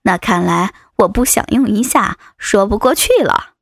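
A woman's voice: normal speed, creaky, no room sound. A woman voicing a lecherous male vice president in an audio story, speaking in a mocking, teasing tone. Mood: leering. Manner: mocking, teasing, low-voiced. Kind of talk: erotic audio story reading. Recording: dry close recording.

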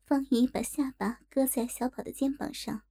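Mellow woman reading a story aloud. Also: high voice. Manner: steady, measured reading. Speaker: audiobook narrator. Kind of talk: storybook narration.

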